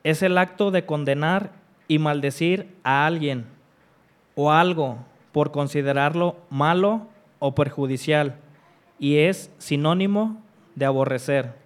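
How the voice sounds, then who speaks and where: A preacher delivers a sermon in a slightly high, smooth voice with a clean, resonant tone. He hits each repeated refrain with rising force, then slows into deliberate, measured pauses whenever he reads scripture.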